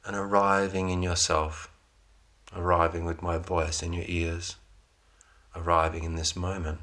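A man leading a guided relaxation meditation, giving soothing, unhurried instructions in short phrases with pauses between them. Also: low-pitched, little pitch movement, bright, forceful tone.

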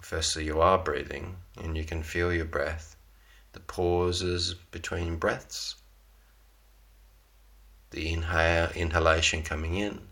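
A man leads a yoga practice in a soft, unhurried way, leaving long pauses between phrases. His voice sits very low and stays flat and even, with a bright, clear edge to the tone. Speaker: yoga teacher. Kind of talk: guided yoga relaxation.

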